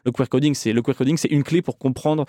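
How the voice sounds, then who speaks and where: A man talking quickly and casually as host, often stumbling through fillers and restarts. His voice is mid-pitched, and the sound is dry and close. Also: fairly even intonation, warm tone, no room sound. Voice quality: hesitant, many fillers and restarts. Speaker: podcast host. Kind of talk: casual chat.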